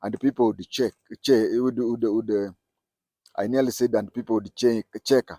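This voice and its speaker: A middle-aged man delivers political commentary alone. His voice sits at an ordinary middle pitch, and the sound is dry and close with no room echo. He speaks deliberately and repeats his main points to drive them home. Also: steady tone, dark tone.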